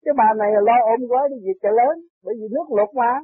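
Earnest high-voiced man, tinny tape. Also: racing, breathy edge, no echo. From Vietnam. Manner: earnest, preachy, rising to excited storytelling. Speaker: spiritual teacher. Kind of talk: impassioned spiritual talk and personal story. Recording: tinny lo-fi tape recording, dry.

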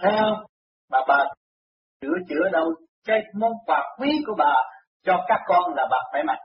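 A man's voice: high-pitched, big pitch swings, moderate pace. A man acting as a spiritual counselor who reassures and lectures in casual chat. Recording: muffled recording, faint noise.

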